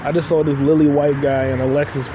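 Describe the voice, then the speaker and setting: A young podcast host walks city streets, riffing loosely in a rambling, joking solo monologue as if talking to himself. His voice is on the high side, flat and quick. It's recorded on a phone while he walks, with street traffic noise behind.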